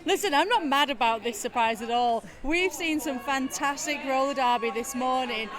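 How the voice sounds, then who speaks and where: A Northern English woman calls a roller derby bout with a high, bright voice. She keeps up friendly, chatty banter and laughs easily between plays. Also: moderate pace, over music. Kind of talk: live sports commentary.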